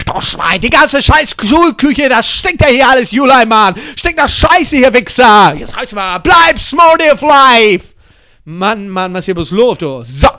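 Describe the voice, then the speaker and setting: A hoarse man rattles through a crude comedy skit, often shouting and dropping English words into his German. His voice sits high, swings widely and cuts through bright and sharp, with a dry, close sound. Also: no room sound.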